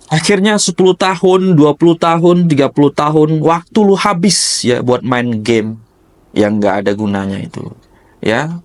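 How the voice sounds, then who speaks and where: Scolding man. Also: fairly high pitch. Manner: scolding, crude, confrontational. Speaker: motivational speaker. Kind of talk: blunt motivational rant.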